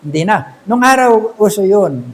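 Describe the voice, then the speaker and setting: Preacher guy with a high voice, telling stories, keeps asking the crowd "right?". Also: expressive, normal speed, low-quality recording. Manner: storytelling, rhetorical questions to congregation. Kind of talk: sermon.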